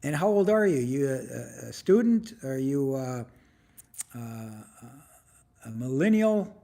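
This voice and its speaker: A man in his seventies hosting a casual livestream, chatting with viewers and firing off quick questions. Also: mid-range voice, very animated, creaky, dark tone. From United States. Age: 70s. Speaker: livestream host.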